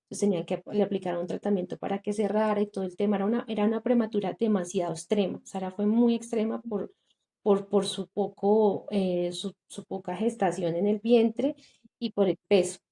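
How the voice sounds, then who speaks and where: A woman's voice: mid-range voice, fairly even intonation, fairly quick, dark tone. A young woman, earnestly recounting a painful personal testimony on a podcast, acting out the voices of people she met. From Colombia. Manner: earnest, recounting with quoted dialogue and many fillers. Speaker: guest sharing testimony.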